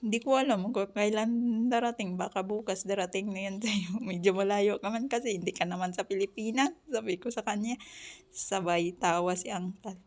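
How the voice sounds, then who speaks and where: A chatty woman with an Ilonggo accent recounts a conversation in a relaxed vlog, laughing often as she goes. She talks while chopping onions in her kitchen. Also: medium pitch, normal speed. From Western Visayas, Philippines. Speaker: vlogger. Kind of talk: casual storytelling vlog.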